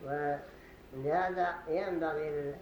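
A man teaching as a sheikh in a study circle. He gives a deliberate religious lesson and repeats phrases to show how they should be pronounced. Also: a little high, steady tone, darkish tone. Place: study gathering in a mosque hall. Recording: roomy echo with faint hiss.

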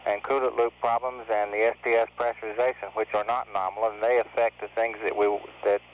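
An American man at mission control speaks over astronaut radio, explaining technical matters hesitantly in a fairly low, level, rather quick voice. The 1970s transmission is muffled and noisy, with faint radio hiss.

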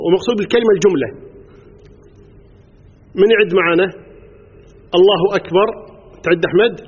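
A man's voice: high voice, husky. A man with a Kuwaiti Arabic accent teaching religious law to a live class, explaining step by step, quizzing his listeners and counting items aloud. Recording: dull lo-fi recording in a reverberant hall.

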